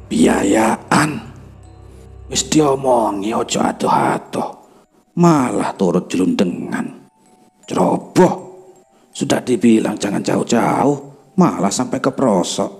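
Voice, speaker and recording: A man's voice: fairly low pitch, fairly even intonation, unhurried, creaky, faint music behind, voice pushed up. Man doing a stern old village guide. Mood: scolding. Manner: curt, sharp, Javanese-tinged scolding.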